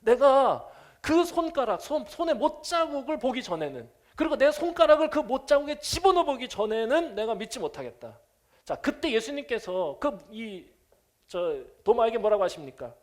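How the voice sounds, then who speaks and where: Animated, high-voiced male pastor preaching. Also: moderate pace. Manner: animated, chuckles often, acts out quotes. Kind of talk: Sunday sermon. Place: church.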